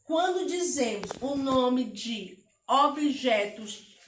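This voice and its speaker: Brazilian woman teacher, children's lesson, very slow, spells out syllables, echoey room. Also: high-pitched, expressive, distant mic, a little hiss or hum. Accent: Brazilian Portuguese.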